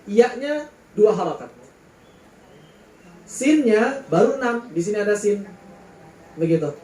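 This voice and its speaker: High-voiced man teaching Quran recitation. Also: very animated, warm tone, echoey room, low-quality recording. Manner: patient, drawn-out explanations with sung letter names.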